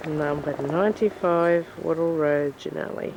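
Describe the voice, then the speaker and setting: Brief: Australian woman, unhurried, chatty, home-camcorder walkthrough of the house she grew up in. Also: deep voice, darkish tone, lo-fi sound, slight background noise. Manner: reminiscing, chatty narration while walking. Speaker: family member giving a home tour. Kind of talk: casual home-video walkthrough. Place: family house and backyard. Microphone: camcorder microphone.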